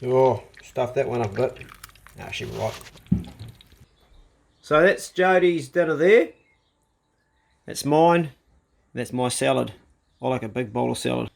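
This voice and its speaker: A man's voice: medium pitch, animated, a little slow, gravelly, pauses often. A man with a broad New Zealand accent, chatting casually to camera as a vlog host in a laid-back, slangy, blokey way.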